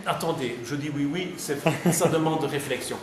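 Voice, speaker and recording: A Belgian man visits a high school class and answers students in relaxed, off-the-cuff talk, chatty yet hesitant, with many fillers and restarts. His voice sits on the high side at a moderate pace, and the classroom recording is echoey with background noise.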